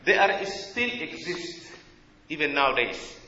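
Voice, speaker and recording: A man from South Sudan with a South Sudanese accent preaching a sermon in a church, earnest and halting as he searches for words. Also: on the high side, very animated, bright, forceful tone. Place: church in America. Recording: echoey hall, dull lo-fi sound.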